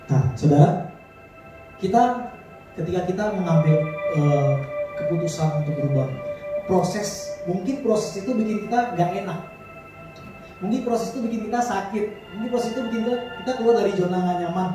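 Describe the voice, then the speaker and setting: A male pastor delivers a sermon in loose everyday slang, swelling into fervent appeals. His voice sits high and carries from a distance through a big echoing church hall. Soft music plays underneath. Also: moderate pace, long pauses. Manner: colloquial Jakarta-style slang, rising to fervent exhortation. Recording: echoey hall from far off, music behind.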